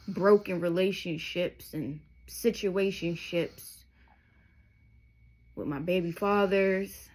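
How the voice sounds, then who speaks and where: A woman in her thirties, a vlogger, tells her life story to the camera for her viewers. Her voice is lowish with a darkish tone, and she speaks candidly and emotionally, rambling into asides along the way.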